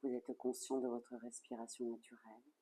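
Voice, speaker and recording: Speaking in a mid-range voice, this instructor leads a yoga nidra relaxation. Each phrase trails off gently, and the pacing stays measured, calm and soothing throughout.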